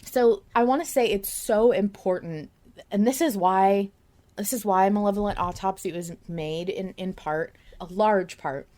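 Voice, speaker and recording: In an unhurried, slightly mellow, medium-pitched voice, a female podcast host talks casually as a fan about an audio drama. Her thoughts are earnest and emphatic and tend to run on.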